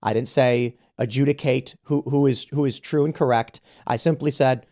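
A man's voice: mid-range voice, steady tone, normal speed, mellow. A man in his thirties from the United States, hosting a podcast and telling an indignant story full of restarts and repeated words. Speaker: podcast host. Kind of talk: casual podcast conversation.

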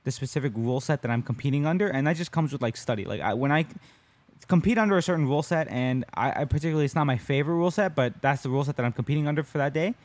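A man's voice: fairly high pitch, expressive, rapid-fire, a little mellow, dry recording. A man co-hosting a casual podcast, talking about his sport and often checking in with his listeners as he goes. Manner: conversational, keeps checking in with "right?". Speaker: podcast co-host and jiu-jitsu competitor.

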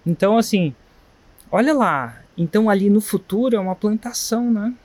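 A man with a Brazilian Portuguese accent hosts a live stream from a quiet spot in a guesthouse, chatting sincerely and drifting from story to story. His voice sits high and is a little mellow, at a moderate pace, with no room sound.

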